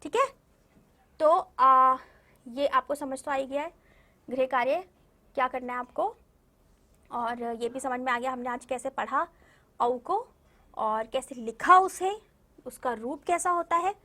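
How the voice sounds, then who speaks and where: A woman's voice: high voice, pushed and bright. A young woman teaching a Hindi lesson to young children in an online video, patiently repeating words and often checking that the children understand. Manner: patient, repeats words slowly and drills vowel signs. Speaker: primary school Hindi teacher.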